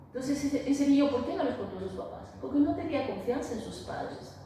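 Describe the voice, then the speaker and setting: A woman's voice: high voice, expressive, a little fast, mellow. A woman family therapist speaking, hesitant with many fillers and restarts. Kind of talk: interview, explaining to an interviewer. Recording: echoey room, voice far from mic, faint noise.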